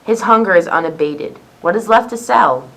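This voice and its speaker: A woman narrating a myth in a measured, vivid storytelling voice for a school play. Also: medium pitch, lively intonation, creaky, a bit bright, poor audio.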